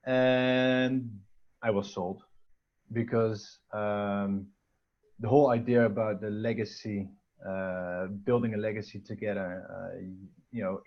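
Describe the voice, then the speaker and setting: A man's voice: mid-range voice, dull audio. A man from the Netherlands whose first language is Dutch, talking casually as an interview guest with many fillers and restarts.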